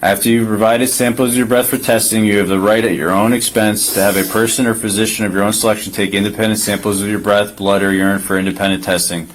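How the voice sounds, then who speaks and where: A man's voice: fairly low pitch, flat delivery, quick pace, hardly any pauses, poor audio. A male police officer formally reading out a legal form and giving firm, insistent instructions. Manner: procedural, insistent. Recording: body camera with faint noise.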